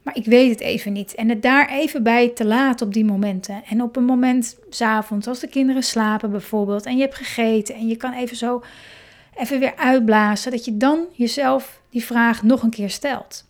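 A woman in her thirties speaking as a parenting coach, in a calm, earnest reflective monologue that often restarts words. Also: fairly high pitch, normal speed.

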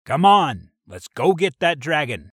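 A man's voice: medium pitch, very animated, normal speed, a bit bright, no room sound, clean studio sound. A man voicing a commanding male god leader, urgent and bossy in a storybook reading.

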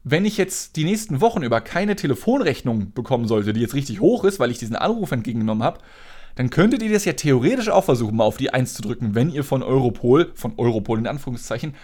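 A man's voice: mid-range voice, lively intonation, fast, darkish tone. A man hosting a podcast, telling a story in a casual, joking and sarcastic way. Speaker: podcast host.

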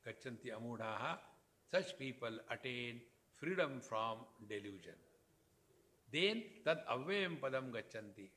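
Male spiritual teacher, Indian accent, discourse delivery in short emphatic phrases, medium-pitched voice. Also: pushed and bright. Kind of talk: spiritual discourse with Sanskrit verse.

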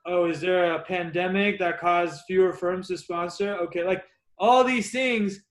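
A man's voice: high voice, fairly even intonation, unhurried, low-quality recording. A man hosting a podcast interview, talkative and encouraging as he sums up advice. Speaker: podcast host. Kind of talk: casual interview.

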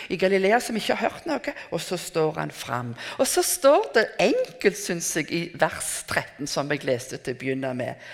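An older woman delivers a sermon in a relaxed, conversational way, stopping now and then to rephrase herself. Her pitch rises and falls in lively swings. The sound carries a long reverb, as from a large hall. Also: creaky. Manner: reflective, conversational preaching with hesitant restarts. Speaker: preacher.

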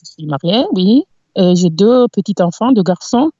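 A woman's voice: mid-range voice, expressive, moderate pace, mellow, dry recording. Italian-accented woman in her forties, dull lo-fi sound. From Italy. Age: 40s. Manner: hesitant, searching for words, laughs easily. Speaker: podcast guest, cycling activist. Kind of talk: casual interview chat. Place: outdoors in a meadow, sitting against a tree.

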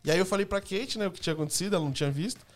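A young man telling personal stories in a casual podcast chat, lively, laughing, and acting out the people he quotes. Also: high voice, very fast. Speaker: youtuber and podcast guest.

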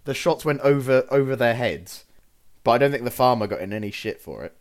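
Excitable man, casual podcast chat. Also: mid-range voice, a little fast, a crowd in the background. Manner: excitable, laughs often, trailing restarts. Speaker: podcast co-host, archaeologist.

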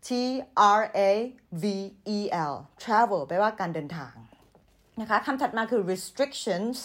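A woman's voice: mid-range voice, fairly bright tone. A woman teacher with a Thai accent giving an English vocabulary lesson, patiently repeating each word and spelling it out letter by letter. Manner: patient and deliberate, repeats words and spells them aloud.

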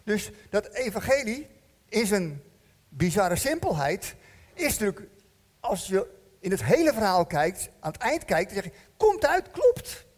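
A man preaching a sermon in a church, animated and joking, asking the congregation questions. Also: high-pitched, a little slow. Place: church hall. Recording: long church-hall reverb.

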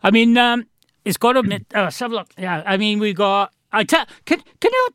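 A man's voice: sits high, animated, a little fast, a bit bright, clean tone, no room sound, clean studio sound. A man from the South Wales Valleys with a local accent, hosting a casual interview in an effusive, matey, rambling way. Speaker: radio host, interviewer.

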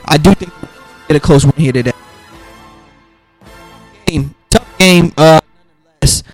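Faint music plays beneath a solo football-picks podcast host whose raspy, worn-out voice sits a bit high for a man and sounds a little sick. He talks at a moderate pace in a dry recording, rambling casually with restarts and ums.

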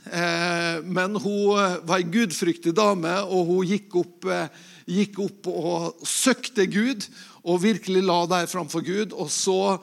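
A man's voice: sits high, fairly even intonation, vocal fry. A man giving an informal sermon, talking hesitantly with many fillers and restarts and asking the listeners questions. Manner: conversational, asks the listeners questions. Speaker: preacher. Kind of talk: informal sermon with Bible reading.

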